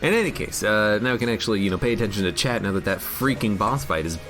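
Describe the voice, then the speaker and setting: Guy streaming a game, rambly and jokey, pitch bouncing all over, game music behind. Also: expressive, fast, fairly bright tone. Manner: rambling, jokey, reads chat aloud. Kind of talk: casual gameplay commentary.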